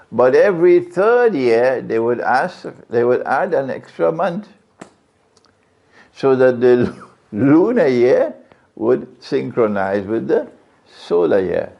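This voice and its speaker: A man with a gravelly, dark voice preaches a sermon, often putting questions to his audience and swinging his pitch widely. The recording is lo-fi and dull.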